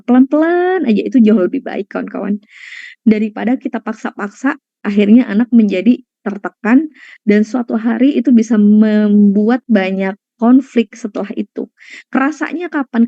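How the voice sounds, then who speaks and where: A woman's voice: medium pitch, mellow, dry recording. Conversational woman giving an online talk. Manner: conversational, addresses listeners as friends, slips in English words. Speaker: parenting counselor and speaker. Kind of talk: online parenting lecture. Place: indoors at home during a power cut. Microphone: video call. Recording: dull, lo-fi video-call audio.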